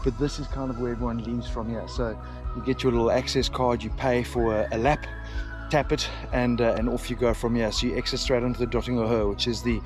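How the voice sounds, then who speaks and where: South African man, easygoing jokey vlogger, mid-pitched, faint music underneath. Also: flat delivery, fairly quick. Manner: chatty, joking, self-deprecating. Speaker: travel vlogger. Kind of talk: casual vlog chat. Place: motorhome camp beside a racetrack, outdoors.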